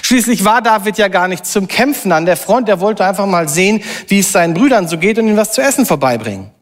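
A man preaching a sermon and reading a long scripture passage aloud in an earnest, steady voice. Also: high voice, fast, long reverb tail.

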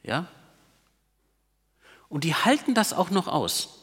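A man delivering a sermon with a somewhat high voice that moves a lot in pitch. He talks to the congregation conversationally, often checking in with quick tag questions. His voice rings out with a long reverb, as in a big hall. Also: big pitch swings, fairly bright tone, slightly rough. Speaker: preacher.

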